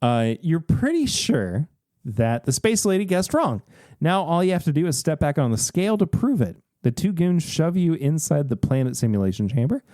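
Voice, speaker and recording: A man hosting a podcast, reading a gamebook aloud in a casual, animated way with occasional hesitations and jokes. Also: a little high, normal speed, no echo, clean studio sound. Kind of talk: casual read-aloud with banter.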